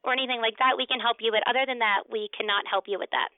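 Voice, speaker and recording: A woman's voice: on the high side, steady tone, rapid-fire, no echo. A young woman answering a customer call politely, heard over a tinny phone line. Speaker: restaurant employee answering the phone. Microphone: telephone.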